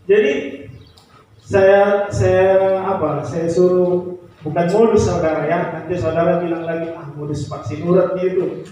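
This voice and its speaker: A man preaching a sermon to his congregation, telling stories in an animated way and chuckling often. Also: sits high, distant mic, a little hiss or hum. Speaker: pastor. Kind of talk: sermon with storytelling. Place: large church hall. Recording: echoey church hall, mic from afar, dull.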